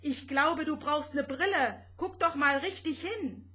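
A woman voicing a grumpy, boyish little spaceship who talks in a gruff, snappish way. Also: high-pitched, a little slow, bright, forceful tone, voice pushed up. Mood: teasing.

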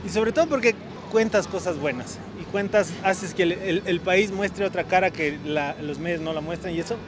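Man, ecuadorian accent, 30s, earnest storyteller, high voice, handheld mic outdoors, street noise. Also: normal speed. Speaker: cinematographer, guest. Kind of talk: interview answers. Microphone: handheld microphone held by interviewer.

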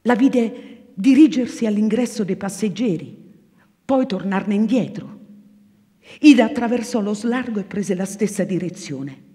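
A woman actress reading a novel aloud to an audience, measured and expressive, her voice falling soft at pauses. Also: mid-range voice. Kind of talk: literary reading before an audience. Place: small theatre foyer hall. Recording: live in a reverberant theatre room.

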